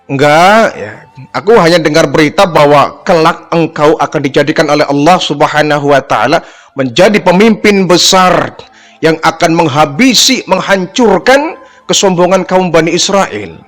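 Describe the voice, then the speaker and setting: A man's voice: on the high side, moderate pace, fairly bright tone, faint music behind, lightly acted. [name], a man doing a pressing wise elder. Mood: urgent. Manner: raised, urging questions. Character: kindly wise older man, probing and insistent.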